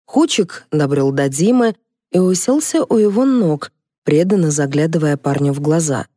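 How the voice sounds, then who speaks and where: A woman reading a comic first-person audiobook with a lively, ironic delivery. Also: low-pitched, moderate pace, no echo, studio quality. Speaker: audiobook narrator.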